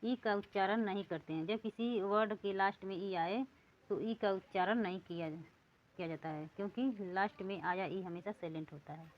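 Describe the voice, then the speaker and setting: A woman teaching English reading rules, saying words one at a time and repeating them slowly. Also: medium pitch, lo-fi sound. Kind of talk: lesson.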